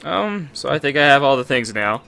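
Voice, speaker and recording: A man's voice: mid-range voice, sing-song, normal speed, gravelly, bright, forceful tone, smooth, full character voice. A man voicing an awkward, polite teenage schoolboy who hesitates and stumbles.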